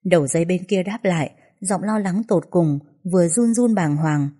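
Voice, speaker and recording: A woman narrating a first-person story in a soft, sorrowful way. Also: on the low side, moderate pace, slightly rough.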